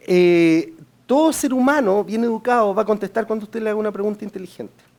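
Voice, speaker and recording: A man's voice: high voice, darkish tone. A man with a Chilean accent giving a sales training lecture. He coaches the audience directly and keeps checking in with them by asking "right?". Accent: Chilean Spanish. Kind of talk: seminar lecture.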